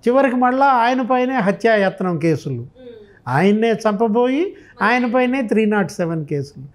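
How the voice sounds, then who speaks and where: Very animated and high-voiced, this man speaks at normal speed while giving fervent political commentary. He's emphatic, fires off rhetorical questions, and acts out other people's remarks.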